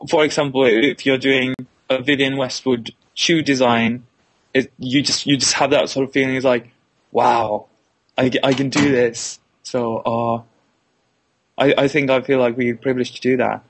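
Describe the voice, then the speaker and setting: Level in tone and a little slow, a young man's medium-pitched voice carries a Finnish accent as he answers interview questions. He's an illustration student in his twenties who speaks hesitantly, repeating words and peppering his restarts with "kinda like".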